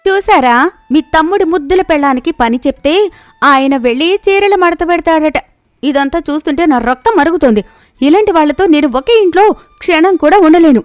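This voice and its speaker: A woman voicing a domineering, shrewish young wife who scolds and taunts in a shrill voice. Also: lively intonation, moderate pace, no echo. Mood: scolding. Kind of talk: animated storybook voice acting.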